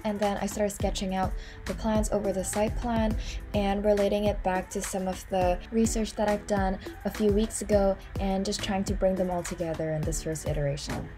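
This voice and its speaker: A young woman narrates her week in a relaxed, chatty vlog voice, dropping easy fillers as she goes. Her tone sits mid-range, and there's clear music playing under her words. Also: mid-range voice. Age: young adult. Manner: chatty, upbeat, frequent "um" and "so". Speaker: student vlogger.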